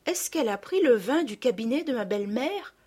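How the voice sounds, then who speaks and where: A gentle, timid little girl, as a woman reader puts her on, soft and hesitant with a pleading tone. Her voice rises a few steps above the reader's own. It is a storybook audiobook character. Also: on the high side, expressive, brisk, husky, pitched above the performer's own voice. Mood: subdued.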